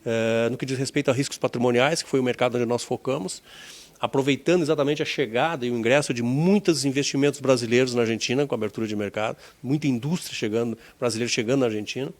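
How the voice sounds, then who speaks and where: A man in his sixties from southern Brazil with a Gaúcho accent, an insurance executive recalling his career in an interview, measured and repeating words as he searches for them. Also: mid-range voice. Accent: Gaúcho Brazilian Portuguese.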